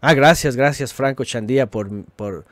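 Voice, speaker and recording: A middle-aged man with a Mexican Spanish accent, hosting a religious podcast and teaching in a lively way, with mocking imitations of others and frequent tag questions. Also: mid-range voice, a little slow, dry recording. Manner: laughs often, joking with viewers. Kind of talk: live-streamed teaching talk with chat.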